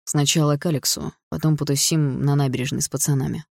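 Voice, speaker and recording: A woman's voice: deep voice, steady tone, fast, vocal fry, no room sound, clean studio sound. A woman voicing a cocky, hot-tempered teenage boy in an audiobook, swaggering and mocking.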